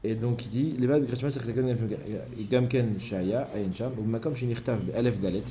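A man's voice: mid-range voice, normal speed, crowd noise. A man teaching a Torah study lesson, explaining step by step and mixing in many Hebrew terms.

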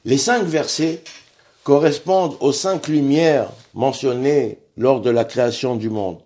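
A man's voice: mid-range voice, mellow. Guy teaching a prayer class, stops and repeats himself a lot, sounds out hebrew letters. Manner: halting, repeats words while searching. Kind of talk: religious lesson.

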